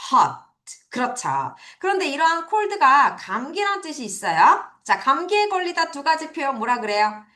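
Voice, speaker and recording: A woman English teacher leading a children's vocabulary lesson, drilling her students with slow, sing-song call-and-repeat questions. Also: sits high, big pitch swings, bright, forceful tone.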